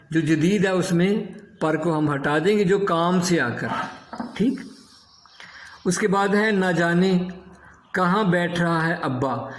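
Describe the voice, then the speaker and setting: A man teaching an Urdu lesson, explaining word meanings and correcting pronunciation by repeating words slowly. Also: sits high, echoey room.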